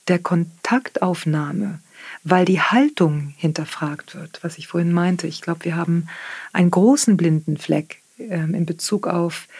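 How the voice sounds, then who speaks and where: A woman with a German accent, an author and therapist, explaining her ideas in a podcast interview, often tagging sentences with "ne?" and pausing on "ähm". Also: on the low side, a little mellow, husky, no room sound. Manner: reflective, tags sentences with "ne?"; frequent hesitation fillers. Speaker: author and guest; therapist working with clients.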